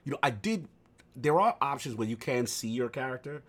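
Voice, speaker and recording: A man co-hosting a casual podcast, talking games in slangy, animated speech that turns loud when he gets excited. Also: mid-range voice, brisk. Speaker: podcast co-host. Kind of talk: casual game discussion.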